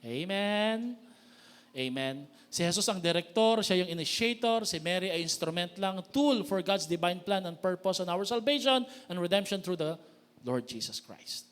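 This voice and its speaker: A Filipino man with a Filipino accent preaching a sermon as a pastor, lively and joking, calling on the congregation to respond. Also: high-pitched, normal speed, clean tone. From Philippines.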